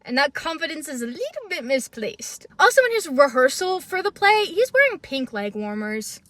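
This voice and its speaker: A young woman talking through a casual commentary in a chatty, sarcastic way. Her voice sits high, and the recording is close and dry. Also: pushed and bright, dry recording. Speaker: video essayist.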